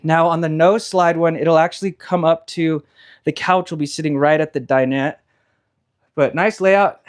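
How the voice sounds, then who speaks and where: Man, somewhat high pitch, casual RV walkthrough, chatty with fillers and restarts, sweating. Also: steady tone, normal speed. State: sweating in the heat. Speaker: RV salesman giving a walkthrough. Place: inside and around trailers on a dealership lot.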